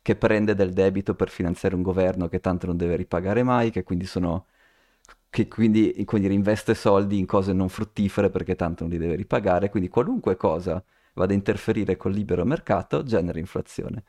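A man's voice: low voice, fairly quick, dark tone. A man co-hosting a podcast, telling a story in casual chat, rambling with many restarts and fillers. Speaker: podcast co-host.

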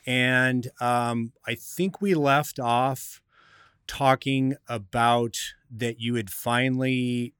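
A man's voice: medium pitch, a bit bright, clean tone, no echo, studio quality. A man hosting a radio talk show, explaining in an instructive, methodical way like a coach.

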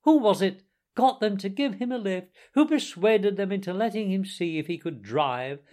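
A man's voice: high voice, sing-song, slow pace, a little mellow, slightly rough, pitched above the performer's own voice, heavily acted. A man voicing a boastful, reckless, self-admiring male toad in a storybook reading, with a bombastic, pompous manner. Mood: gleeful, triumphant. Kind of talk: storybook character voice in audiobook reading.

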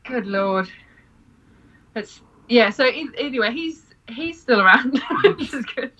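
A woman's voice: on the high side, lively intonation, unhurried, bright, forceful tone, husky, dull audio. A woman who teaches improv, chatting casually, laughing often and acting out quoted lines. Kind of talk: casual podcast chat.

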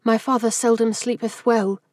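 A man voicing a gentle, anxious young maiden in a dramatic poetry reading, speaking softly and pleadingly. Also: very high voice, level tone, normal speed, dry recording, studio quality, voice pushed up. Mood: tender.

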